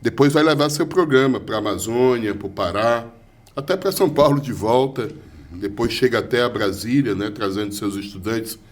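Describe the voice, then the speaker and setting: A man's voice: medium pitch, normal speed. A man hosting an interview, speaking conversationally with frequent tag questions. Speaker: interview host.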